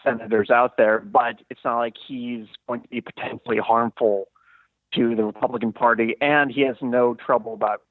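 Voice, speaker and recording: Over a muffled, tinny phone line, a Texas caller joins a political talk show for a casual discussion. He is polite, casual and slightly hesitant, with a mid-range voice at normal speed and fairly even intonation, in a dry recording.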